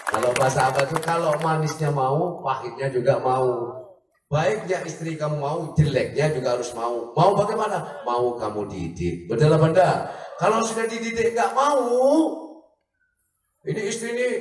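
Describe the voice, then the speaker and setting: A man with a fairly high voice preaches a humorous sermon and keeps throwing questions at his listeners. His voice is picked up from some distance in an echoey hall. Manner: jokey, asks the crowd questions. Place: large hall at a religious gathering.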